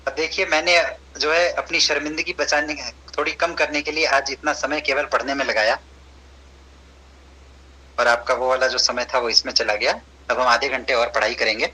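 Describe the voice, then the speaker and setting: A man's voice: mid-range voice, steady tone, moderate pace, bright, forceful tone, rough recording. A man teaching an online class over a video call, patient and encouraging, slipping English phrases into his speech.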